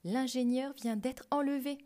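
A woman's voice: high-pitched, fairly even intonation, darkish tone, pitched above the performer's own voice. A woman reading as a bold, self-assured teenage girl heroine. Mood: brisk, assured. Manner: brisk, self-assured, quick. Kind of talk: storybook reading.

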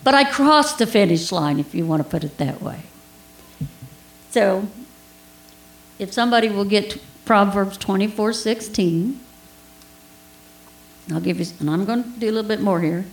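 A woman's voice: mid-range voice, moderate pace, long pauses, roomy sound, rough recording. A woman giving an informal Bible teaching, telling a personal story in a chatty way with laughs and asides.

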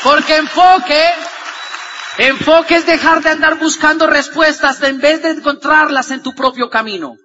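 A man giving an energetic motivational talk, swinging from loud shouts to low murmurs as he acts out dialogue. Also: moderate pace, in a large hall, muffled recording, crowd noise, noisy background. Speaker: motivational speaker.

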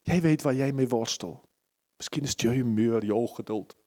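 A man preaching a sermon at a church service, impassioned, moving between loud pleading and hushed near-whispers. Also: medium pitch, moderate pace.

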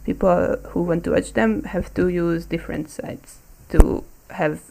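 Young woman from Hungary, podcast co-host, slow and halting, gravelly dark voice. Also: on the low side, fairly even intonation, noisy background. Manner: hesitant, many ums. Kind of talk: casual discussion.

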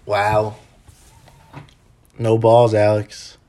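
A man's voice: fairly low pitch, completely flat delivery, drawn-out words, mellow. A man hosting a podcast in casual chat, chatty with many fillers, laughing easily. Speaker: podcast host.

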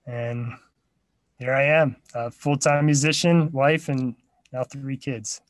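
Relaxed man telling his story, dry sound. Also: mid-range voice, slow pace, dry recording, low-quality recording. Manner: relaxed storytelling with fillers and repeated words. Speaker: interview guest, drummer and drum teacher. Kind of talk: casual interview.

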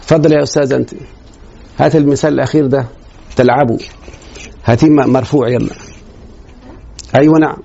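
Egyptian man, grammar teacher, quick talker, gravelly, lo-fi recording. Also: medium pitch, fairly even intonation, dark tone. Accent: Egyptian Arabic. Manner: quizzes students with rhetorical questions. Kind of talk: grammar lesson. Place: classroom. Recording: dull lo-fi recording.

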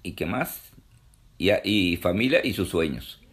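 A male interview host with a somewhat low voice. He speaks in a relaxed conversational way, offering short replies and reading viewer comments aloud. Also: measured pace. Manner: brief affirmations, reads out viewer comments.

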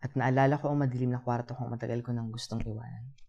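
Mellow-voiced young man narrating a story. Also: mid-range voice, quick pace, highs cut off. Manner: calm, reflective storytelling. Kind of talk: first-person story narration.

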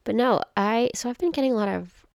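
Young woman podcast co-host, chatty and giggly, vocal fry, dead-dry sound. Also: a little high, a little fast, darkish tone, no room sound. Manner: giggly, rambling, self-deprecating. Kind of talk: casual chat.

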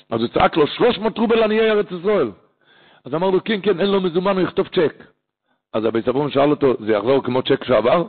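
A man, a rabbi, giving a holiday sermon full of stories, impassioned and climbing sharply in pitch for emphasis, often repeating phrases as he teaches. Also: creaky, husky. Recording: tinny phone-like lo-fi recording.

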